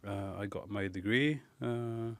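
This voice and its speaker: A man from Morocco, a pastry chef guest in a casual interview, speaking thoughtfully with many pauses and fillers. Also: fairly low pitch, fairly bright tone, dry recording.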